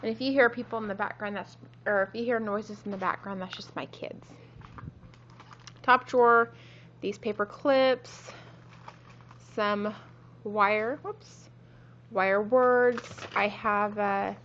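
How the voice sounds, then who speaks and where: A woman's voice: medium pitch, fairly even intonation, slow, long pauses, fairly bright tone, a little hiss or hum. A woman who is a little sick gives a casual show-and-tell tour of her home craft room, meandering and correcting herself with lots of ums. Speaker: crafting vlogger. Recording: dull lo-fi home video.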